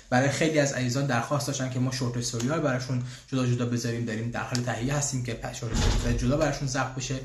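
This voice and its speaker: Chatty man in an echoey room. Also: mid-range voice. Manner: chatty, pauses with fillers and restarts. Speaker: language school host answering questions. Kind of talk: casual live Q&A. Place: room in Austria, church bells heard.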